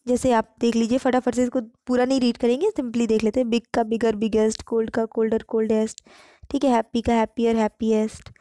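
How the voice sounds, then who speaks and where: A woman teaching English grammar in Hindi. She reads the English example sentences slowly and clearly. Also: a little high, level tone, warm tone, no echo, studio quality. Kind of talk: online grammar lesson.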